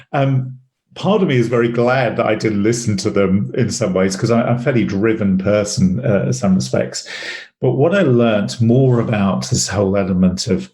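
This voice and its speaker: Man, middle-aged, lowish voice, anecdotal and rambling, interview guest. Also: a little mellow, reverberant. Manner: rambling anecdotal storyteller, repeats words. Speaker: guest, sales trainer. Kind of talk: casual interview storytelling.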